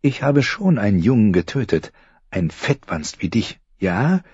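A man voicing a fierce, defiant young girl who snaps back at bullies with a sharp tongue. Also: on the low side, very animated, a little slow, slightly rough, no echo, full character voice. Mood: grim quiet. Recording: slightly muffled recording.

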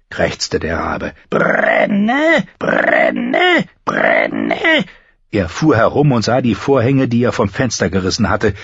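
A man's voice: medium pitch, slightly rough, no echo, muffled recording. A man narrating a fantasy audiobook with tense, vivid storytelling. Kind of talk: dramatic fantasy audiobook reading.

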